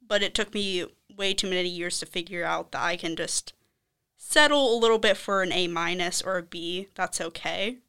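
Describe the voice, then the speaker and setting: Bright, emphatic young woman. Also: lowish voice, fairly even intonation, moderate pace, smooth. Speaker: student panelist. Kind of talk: casual panel discussion.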